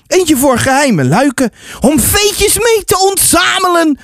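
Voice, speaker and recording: A reader voicing an excitable young boy with a wild imagination in a children's storybook, high and shouting. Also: unhurried, dry recording, clean studio sound, heavily acted. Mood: excited.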